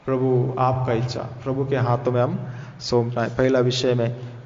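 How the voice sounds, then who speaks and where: A man's voice: a little high, darkish tone. A man preaching a sermon at a youth meeting, earnestly urging his listeners and telling stories from his own life. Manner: earnest exhortation with personal stories and repeated phrases. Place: church hall. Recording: echoey hall, dull lo-fi sound.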